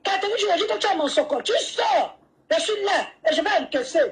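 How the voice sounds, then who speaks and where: A woman's voice: very high-pitched, animated, quick pace. A woman, defiantly insulting and repeating herself in a heated live-stream argument.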